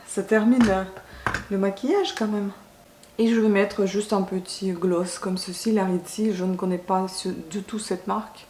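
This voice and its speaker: With a steady, measured delivery, a woman speaks in a mid-range, mellow voice while doing her makeup on camera. She is a beauty vlogger in a relaxed chat who often stumbles and corrects herself. Faint noise and a roomy echo sit behind her.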